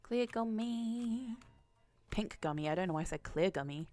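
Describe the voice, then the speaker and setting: Bubbly woman streamer, low-ish voice, casual chatter to her viewers over soft game music. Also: steady tone, fast talker. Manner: chatty, bubbly, thinks aloud and greets chat. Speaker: livestreaming gamer. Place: at home with a cat on her lap. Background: faint game music.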